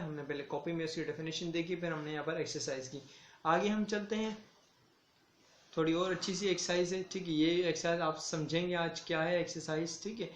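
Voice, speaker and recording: Male schoolteacher, fairly high voice, slow deliberate drilling of words; echoey room. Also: a little hiss or hum. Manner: slow, deliberate word-by-word reading and repetition. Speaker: school English teacher. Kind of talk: online classroom lesson.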